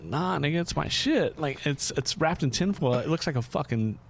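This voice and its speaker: Animated, profane man telling a wild story. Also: a little high, moderate pace, creaky, a little hiss or hum. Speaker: podcast guest storyteller. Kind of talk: casual podcast chat.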